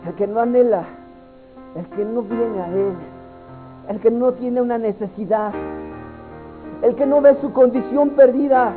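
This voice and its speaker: Male preacher, very high voice, urgent altar-call sermon, hushed to shouting, tinny lo-fi sound with soft music behind. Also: a little slow, long pauses. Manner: swings from hushed pleading to loud impassioned cries.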